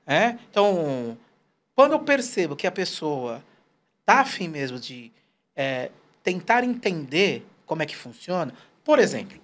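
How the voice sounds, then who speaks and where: A man in his forties, a guest in a casual interview, telling stories and quoting people in short put-on voices. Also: fairly high pitch. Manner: animated, storytelling, quotes people in put-on voices.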